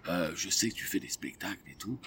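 A man's voice: low voice, lively intonation, fast talker, sharp tone, slightly rough, pitched below the performer's own voice, heavily acted. A man voicing his hesitant, coaxing old aunt while telling a story.

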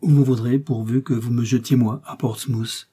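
A man's voice: mid-range voice, fairly even intonation, moderate pace, mellow, husky, natural voice. A man voicing a grave, devoted young officer, speaking in a solemn, earnest way. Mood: solemn, resolute.

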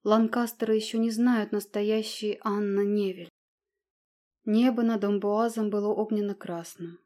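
Expressive woman narrating a novel. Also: mid-range voice, unhurried. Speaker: audiobook narrator. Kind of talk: dramatic audiobook narration.

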